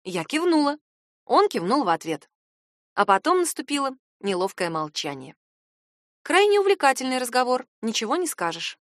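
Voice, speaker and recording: A woman's voice: sits high, big pitch swings, normal speed, no echo, studio quality. A woman narrating a first-person story in a sarcastic, exasperated tone.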